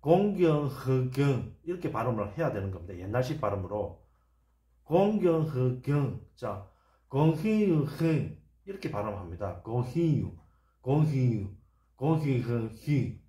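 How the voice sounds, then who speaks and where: A man's voice: medium pitch, very animated, mellow. Man sounding out words, echoey room. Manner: slow, repeats words to sound them out. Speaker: channel host explaining words. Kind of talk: lecture over on-screen slides.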